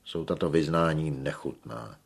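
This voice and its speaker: A man's voice: very deep voice, creaky, breathy edge, exaggerated voice. A man voicing a dry, curt village schoolteacher. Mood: stern.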